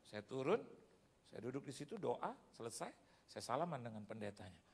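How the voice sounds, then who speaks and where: A middle-aged male pastor, preaching as an animated storyteller who acts out the people in his anecdotes. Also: medium pitch, normal speed, breathy edge. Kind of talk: humorous sermon storytelling. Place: large church hall. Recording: church hall reverb, faint background noise.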